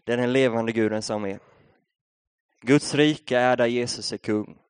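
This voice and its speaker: A man's voice: mid-range voice, steady tone, clear, resonant tone, no echo, clean studio sound. A young Swedish man preaching a sermon, telling a story in a casual, conversational way before building up to a rousing appeal. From Sweden.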